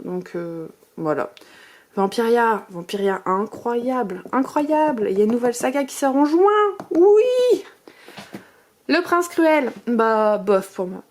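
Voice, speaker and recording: A woman's voice: on the high side, a little mellow. Chatty, gushing woman in her thirties. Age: 30s. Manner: chatty and gushing, piles up superlatives; rambling with frequent fillers and restarts. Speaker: book vlogger. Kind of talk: casual bookshelf tour chat.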